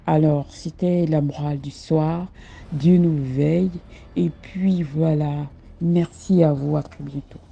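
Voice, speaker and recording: A woman's voice: deep voice, fairly even intonation, slow, vocal fry, dark tone, breathy edge. A woman telling her own story in the first person, emphatic and fond of repeating herself for effect, on a dull lo-fi recording. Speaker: caller sharing a personal story.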